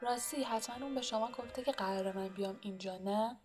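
A woman voicing a calm, wise old male wizard headmaster in an audiobook, speaking softly and without hurry. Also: on the high side, faint music behind, close to an everyday voice. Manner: calm, soft, unhurried. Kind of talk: audiobook character reading.

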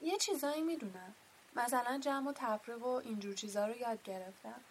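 A woman's voice: a little high, a little hiss or hum, natural voice. A woman reading aloud and voicing a polite, curious young boy who keeps asking puzzled questions.

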